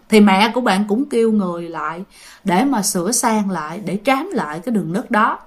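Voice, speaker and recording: A woman casually telling a ghost story, chatting to her listeners and often repeating her words. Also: mid-range voice.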